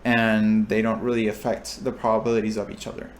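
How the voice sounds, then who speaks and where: A young man with a fairly low, rather flat voice explains a probability lesson at a fairly quick clip, with a little hiss or hum in the recording. He's a recitation instructor thinking aloud, restarting sentences and checking in with his listeners as he walks through the lecture topic.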